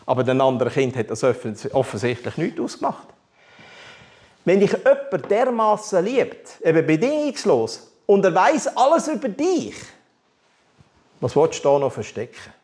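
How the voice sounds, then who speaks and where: A man with a Swiss German accent preaches from his own life, candid and animated. His voice sits somewhat high and rises and falls in wide swings. He carries the story with humor. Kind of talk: testimony sermon.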